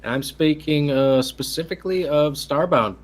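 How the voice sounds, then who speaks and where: A man co-hosting a casual gaming podcast, telling a story with excitement and casual swearing. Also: a little high, normal speed. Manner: animated, swears casually, tells stories with excitement. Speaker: podcast co-host.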